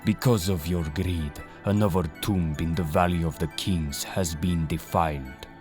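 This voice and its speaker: A man with a low, steady voice plays a solemn, mysterious servant of a death god in an audio drama, with music underneath. He speaks slowly, formally and ominously, carrying a mood of cold judgment.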